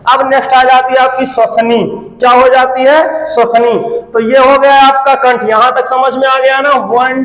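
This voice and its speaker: A man's voice: very high-pitched, a bit bright. A man teaching a class, asking the students rhetorical questions and repeating each term. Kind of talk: classroom lecture. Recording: echoey room reverb.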